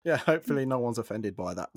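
A man's voice: medium pitch, animated, fast talker, no echo. A man with an East Midlands accent hosts a casual podcast chat. He talks in a loose, friendly run, repeats words as he goes, and laughs often. The sound is dry and close to the mic. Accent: East Midlands English. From England. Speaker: podcast host.

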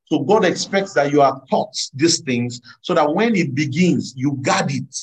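A man preaching a sermon, animated, laughing and drawing answers from his congregation. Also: on the high side, measured pace, breathy edge, poor audio. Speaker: pastor.

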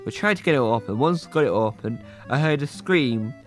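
A man doing a deep-voiced talking badger. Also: animated, a little fast, soft background music, natural voice. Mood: explaining. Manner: rambling, eager to explain. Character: talking male badger, earnest and persistent.

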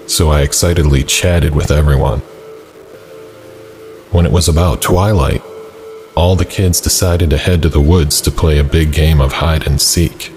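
A man's voice: very deep voice, a little mellow, slight background noise. A man narrating a scripted first-person story as a storyteller.

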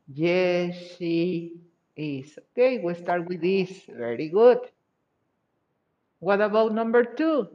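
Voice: mid-range voice, lively intonation. An English teacher going over exercise answers with a class, praising each answer and switching between English and Spanish. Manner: encouraging, checks answers with short praise; slow, deliberate delivery. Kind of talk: live class exercise review. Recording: dull lo-fi audio.

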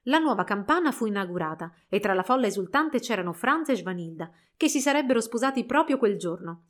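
A woman narrating a storybook in an expressive, measured reading. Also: mid-range voice.

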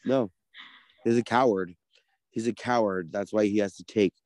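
A man's voice: lowish voice, moderate pace, darkish tone, no room sound. A man co-hosting a casual podcast, ranting in a heated, profane way. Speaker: podcast co-host.

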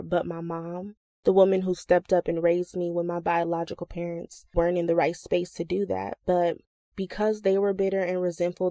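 A woman's voice: fairly low pitch, warm tone, no echo, clean studio sound. A young woman hosting a podcast, telling personal stories in a candid, comic way with plenty of slang and laughter. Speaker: podcast host. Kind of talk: personal storytelling monologue.

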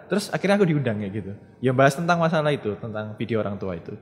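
Young man, Surabaya Javanese accent, rapid chatty talk, long hall echo. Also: mid-range voice, big pitch swings. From Surabaya, East Java. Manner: quick, chatty, laughs at himself. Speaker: content creator guest. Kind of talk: casual interview chat.

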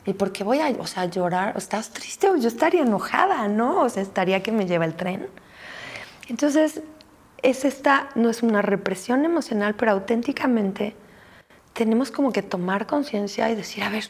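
A woman from Mexico with a Mexican accent, a therapist giving an informal talk on emotions and often adding "¿no?" tag questions. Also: on the high side. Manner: conversational, frequent "¿no?" tag questions.

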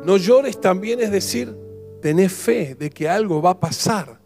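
A man with an Argentine accent preaching a sermon as pastor. He fires off rhetorical questions and drops to hushed repetitions. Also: high-pitched, animated, a little slow, vocal fry, soft background music.

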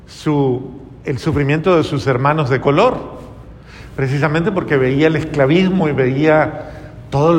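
A man's voice: on the high side, in a large hall, slight background noise. A man preaching a sermon earnestly, often restarting his phrases.

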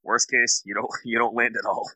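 A man's voice: medium pitch, level tone, normal speed, bright, forceful tone, breathy edge, no echo, poor audio. A man co-hosting a podcast, joking casually with his friends. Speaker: podcast co-host. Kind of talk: casual comedic banter.

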